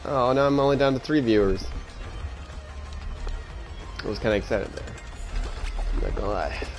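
A teenage boy streaming a video game live, excitable and yelling at the game, with game music behind him. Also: medium pitch, moderate pace. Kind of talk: live gaming stream commentary.

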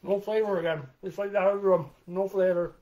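A man co-hosting a casual snack taste-test chat, playful, with drawn-out exclamations. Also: high-pitched, fairly even intonation, highs cut off. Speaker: co-host.

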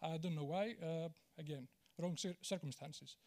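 A man speaks from a big auditorium stage into a handheld mic. His voice sits high, and he talks candidly, poking fun at himself. He stops often on "uh" and restarts his sentences. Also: moderate pace, darkish tone. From Greece. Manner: candid, self-deprecating, many "uh" fillers and restarts. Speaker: conference speaker. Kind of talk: conference talk.

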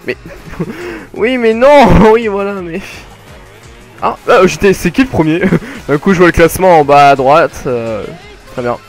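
A young man casually commenting his kart race, joking and rambling with sudden excited outbursts. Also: a little high, measured pace, long pauses, faint music behind. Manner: jokey, rambling, self-mocking, bursts of excited yelling. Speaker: gaming commentator. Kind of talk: casual let's play commentary.

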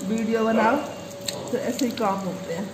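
Middle-aged woman vlogger, slightly high voice, chatty with easy laughs, filmed on a handheld phone with room echo and audible background noise. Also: moderate pace. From Uttar Pradesh, India. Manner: chatty, laughs often, talks to family and pet. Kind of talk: casual daily vlog. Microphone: handheld phone camera.

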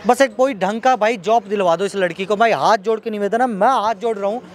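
Man, high-pitched, pleading and repetitive, outdoors, faint traffic. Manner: pleading, repeats himself, soothing when she cries. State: unwell. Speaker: vlogger helping a young woman. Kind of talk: outdoor appeal to viewers.

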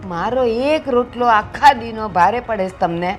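Elderly village grandmother, aggrieved and scolding, high-pitched. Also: expressive, unhurried, soft background music. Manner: scolding, aggrieved, rising to shouts. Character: elderly village mother, indignant and complaining. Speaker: mother-in-law. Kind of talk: film drama acting.

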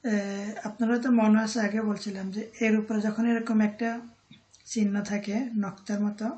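A woman teaching a vocabulary lesson, repeating each word and pausing often with a filler word. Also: medium pitch, little pitch movement, a little mellow, poor audio. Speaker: language teacher.

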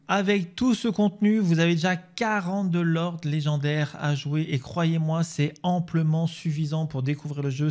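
A man's voice: fairly high pitch, a little mellow. A man hosting a gaming video, talking casually over a game map with many fillers and restarts. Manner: chatty, many fillers and restarts, shifting pace.

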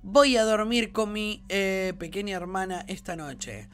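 A man's voice: sits high, a little slow, fairly bright tone, clear, resonant tone. A man reading as a sweet little girl. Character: young girl with a new doll.

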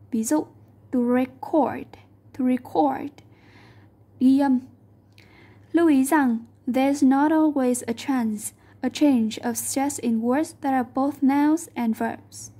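A woman's voice: high voice, dark tone, husky. A woman English teacher patiently explaining a textbook lesson, repeating and translating each sentence.

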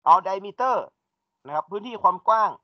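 In this classroom lecture, a male engineering instructor speaks at a moderate pace with a high-sitting voice and lively intonation. He walks through the material step by step and quizzes his students along the way, captured in a dull, dry recording without any room sound.

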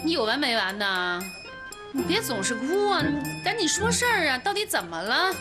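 Bossy young sister-in-law, high lively voice, music playing under her. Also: normal speed. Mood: exasperated. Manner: scolding, exasperated. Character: impatient young sister-in-law, blunt and scolding. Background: background music.

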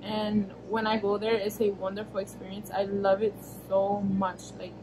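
A woman's voice: medium pitch, little pitch movement, moderate pace, noisy background. A young American woman answering viewer questions in a casual vlog, talking in a rambling way with many fillers and self-corrections, recorded on a camera close in front of her in a small bedroom. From United States. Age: young adult. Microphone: camera at arm's length, face framed close.

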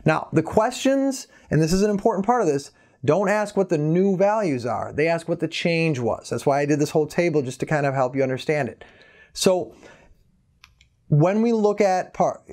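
Male teacher, fairly high voice, methodical step-by-step exam walkthrough. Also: a little mellow. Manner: methodical, explains step by step, addresses viewers as guys. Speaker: economics teacher.

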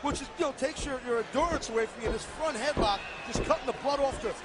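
A man's voice: extremely high pitch, quick pace. A man working as a wrestling commentator, giving colloquial, punchy live analysis of the action. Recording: loud arena noise behind broadcast commentary. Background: noisy wrestling arena.

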